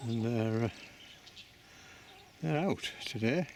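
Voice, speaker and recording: With a noisy background, a man of medium pitch speaks slowly as he films his tour of an outdoor bird and animal centre. His commentary is chatty and reflective, and he keeps cutting himself off mid-sentence.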